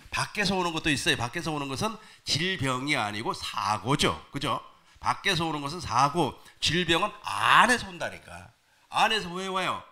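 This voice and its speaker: A male pastor preaching a sermon to his congregation, animated, asking them questions. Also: medium pitch. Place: church sanctuary.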